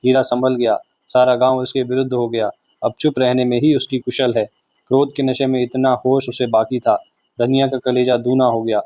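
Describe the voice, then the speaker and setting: A man reading a classic novel aloud as narrator, with steady, measured storytelling. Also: mid-range voice, dry recording, lo-fi sound.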